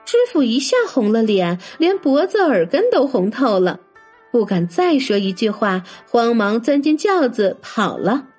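Lively high-voiced woman storyteller. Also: a little slow, slightly rough, faint music behind. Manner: lively, expressive. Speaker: children's storyteller. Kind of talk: storybook narration.

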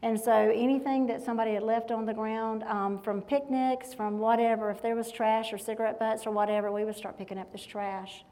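A woman in her fifties gives a devotional talk in a fairly high voice. She chats easily, spinning homey stories and asking the crowd questions as she goes. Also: little pitch movement, fairly quick, hardly any pauses, dark tone, rough recording. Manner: folksy, chatty storytelling addressing the audience directly. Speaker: guest speaker.

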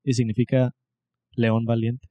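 A young man from Monterrey, Mexico, co-hosts a podcast, chatting casually in a medium-pitched voice at a measured pace with no echo. He's relaxed and a bit rambling, and he tends to put himself down.

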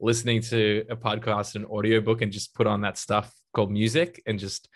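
A man's voice: fairly low pitch, level tone, brisk. A man hosting a podcast interview, chatty and rambling, who laughs often. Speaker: podcast host. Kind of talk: casual interview.

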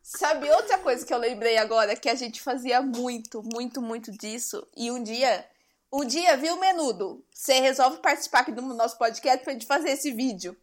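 Young woman, podcast co-host, high and animated, quick to laugh. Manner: laughs often, animated and playful. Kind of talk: casual podcast chat.

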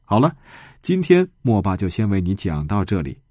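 A low-voiced man tells a story for children with hugely animated pitch swings. His tone is mellow and a little husky. He is recorded close and dry. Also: moderate pace, no room sound. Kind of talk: storytelling podcast narration.

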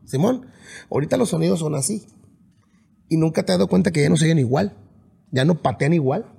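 A man from Mexico, a band musician and singer, telling stories in a casual interview, animated and swearing freely. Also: fairly high pitch, brisk, gravelly, husky. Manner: animated, swears freely, imitates drum hits with his voice.

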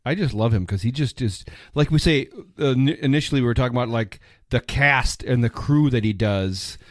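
A man in his fifties hosting a podcast, talking about films in a loose, rambling, enthusiastic way. His voice sits in an ordinary middle pitch. The recording is dry and close. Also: brisk, no room sound. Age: 50s. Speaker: podcast host. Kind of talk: casual movie chat.

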